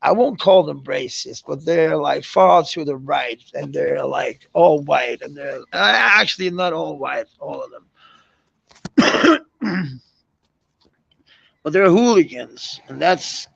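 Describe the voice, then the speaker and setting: Gravelly Danish man, slow and profane. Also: a little high, a bit bright, no room sound, lo-fi sound. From Denmark. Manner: rambling, profane, laughs often. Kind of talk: casual livestream chat.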